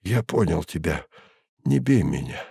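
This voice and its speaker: A man reading an audiobook and voicing a frightened young male prisoner who answers hoarsely and in haste. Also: mid-range voice, steady tone, moderate pace, darkish tone, dry recording, clean studio sound, close to an everyday voice. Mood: anxious. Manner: hasty, eager to please.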